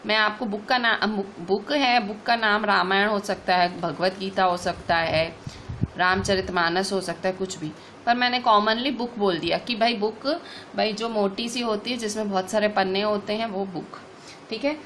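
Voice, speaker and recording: A woman teacher gives an online grammar lesson, repeating each point and checking in often. Her pitch sits at an ordinary middle height. A faint hiss runs under the recording. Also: fairly even intonation, fairly bright tone. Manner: explains slowly, repeats "ठीक है" and restates points. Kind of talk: online class lecture.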